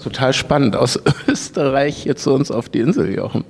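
A man's voice: medium pitch, expressive, moderate pace, vocal fry, a little mellow, slightly rough. A man hosting a podcast who chats upbeat and asks his guests questions. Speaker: podcast host. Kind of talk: casual interview chat. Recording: roomy recording with faint noise.

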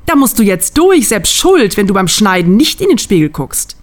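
A woman voicing her own mirror reflection as a blunt, scolding female figure who shouts at her. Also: medium pitch, very animated, moderate pace, natural voice.

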